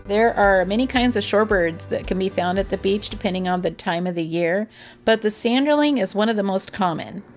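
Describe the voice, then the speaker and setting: A woman giving calm, informative scripted narration for a nature vlog, gently enthusiastic as she explains. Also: medium pitch, fairly quick, soft background music. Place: voice-over, not recorded on the beach.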